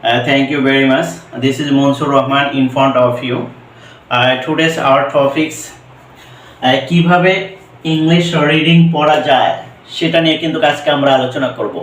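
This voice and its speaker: A man's voice: medium pitch, fairly even intonation, unhurried, fairly bright tone, recorded from a distance. Man, teacher, asks and answers his own questions, roomy echo. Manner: repeats questions and answers them himself; mixes English phrases into Bengali explanation. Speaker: English teacher. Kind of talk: classroom-style pronunciation lesson.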